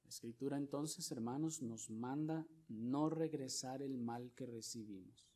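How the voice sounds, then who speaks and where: A man preaching a sermon, putting rhetorical question after question to the congregation and swinging from loud stressed lines to quiet, low ones. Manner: slow, deliberate delivery. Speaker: pastor.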